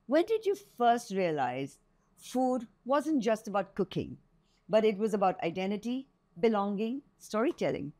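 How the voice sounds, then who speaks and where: Woman, podcast host, mid pitch, measured, scripted intro. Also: sing-song, a little mellow. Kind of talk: interview hosting.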